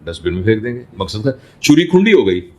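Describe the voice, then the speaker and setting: Male doctor, interview guest, fatherly, lively intonation, rhetorical questions. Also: lowish voice. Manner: explains through everyday examples and rhetorical questions; fatherly, addresses listener as son. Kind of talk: reflective interview answer.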